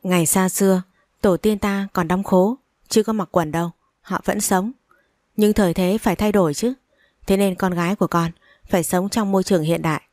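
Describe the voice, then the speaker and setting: A woman narrating a first-person family drama story in a steady reading voice. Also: mid-range voice, moderate pace, dry recording, studio quality.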